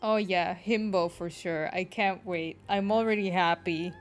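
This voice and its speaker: A woman's voice: fairly low pitch, fairly even intonation, a little slow. Playful woman streamer reacting to a game. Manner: playful, chatty reactions to the story. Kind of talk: casual live-stream commentary over a game. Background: soft game music.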